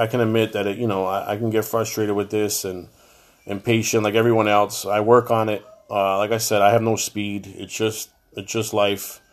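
A middle-aged man, talking straight to his fans in a personal monologue, blunt and heavy-hearted, swearing freely. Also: lowish voice. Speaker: show host talking to fans.

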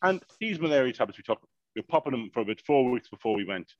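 A man, telling a long, animated story in casual podcast chat and swearing freely. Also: mid-range voice, quick pace, no echo, muffled recording. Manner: animated, swears freely, repeats "mayhem" and "unbelievable". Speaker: podcast co-host.

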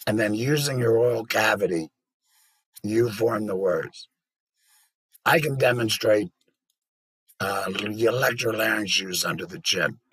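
A man gives a patient, practical explanation, pausing on small fillers as he goes. His voice sits low and comes across husky. The recording is dry, with no room sound. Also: a bit bright, no room sound, poor audio. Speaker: podcast guest. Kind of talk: explanatory podcast talk.

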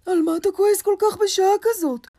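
A woman voicing a friendly, calm male lion who speaks in a soothing, chatty way. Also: extremely high pitch, no room sound, clean studio sound, voice pushed up. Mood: kindly.

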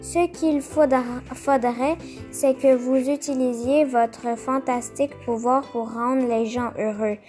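A woman's voice: high voice, fairly even intonation, slow, dark tone, faint music behind. A woman voicing a cheerful, clever little man with long arms, reading a storybook aloud. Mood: firm.

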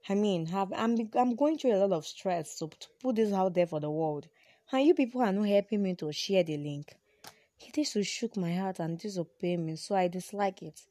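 A woman's voice: medium pitch, normal speed, mellow, dry recording, clean studio sound. A woman from Nigeria with a Yoruba accent, chatting casually and playfully as a solo podcast host, with informal Pidgin turns of phrase.

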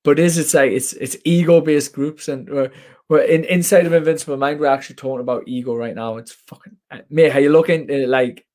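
Sweary, higher-voiced young British man. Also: steady tone, fairly quick, a little mellow. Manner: sweary, blokey, emphatic. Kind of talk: casual chat.

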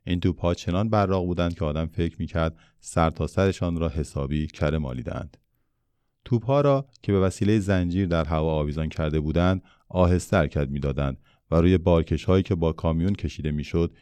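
A man narrating a children's storybook aloud in a steady, measured way. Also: deep voice, smooth, no room sound. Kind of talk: storybook reading.

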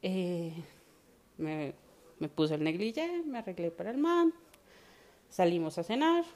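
A woman's voice: lowish voice, a little slow. A woman with a Colombian accent, co-hosting a casual podcast chat and telling personal stories animatedly. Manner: animated storytelling. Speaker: podcast co-host.

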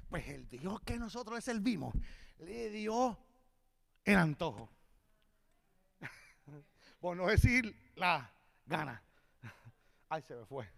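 Very high-voiced, gravelly male preacher. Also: slow, long pauses. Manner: lively storytelling, acts out dialogue, builds to shouted climaxes. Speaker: visiting preacher. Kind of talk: sermon.

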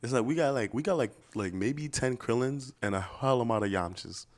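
A man's voice: mid-range voice, a little fast. A young man co-hosting a podcast, bantering casually in a slangy frat-bro manner. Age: young adult. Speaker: podcast co-host.

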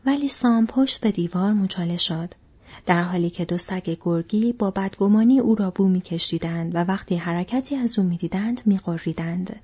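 Woman reading an audiobook, soft husky voice, kinda dull lo-fi sound. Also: mid-range voice. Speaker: audiobook narrator. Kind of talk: scripted narration.

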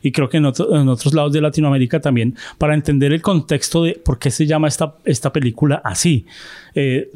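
A man's voice: on the high side, brisk, dark tone. A man from Colombia hosting a casual film discussion show and asking his guests curious questions. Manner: curious, asks many questions. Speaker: host. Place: living in the United States.

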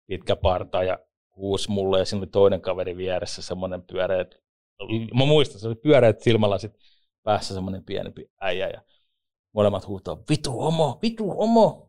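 A man, an ice hockey referee and former league player, telling lively joking anecdotes in a casual interview. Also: low-pitched.

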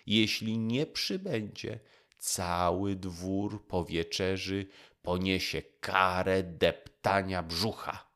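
A man's voice: sits low, slow, fairly bright tone, full character voice. A man voicing a proud, vain old emperor who gives orders in a demanding way. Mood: imperious. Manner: imperious, demanding.

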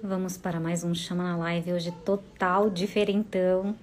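A woman's voice: lowish voice, level tone, moderate pace. A woman with a Brazilian accent hosting a casual live stream, chatty and effusive as she greets viewers by name. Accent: Brazilian Portuguese.

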